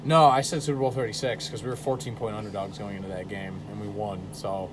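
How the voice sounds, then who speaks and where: A man in his twenties hosting a podcast, talking in a loud, joking, profane way and laughing often. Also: fairly low pitch, steady tone, fast, noisy background. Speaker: podcast host. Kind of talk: casual profane chat.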